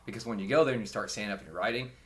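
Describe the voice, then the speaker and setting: A man's voice: fairly low pitch, racing. A man hosting a podcast, chatting casually and laughing often while telling school stories. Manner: laughs often, animated storytelling. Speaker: podcast host. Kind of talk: casual chat.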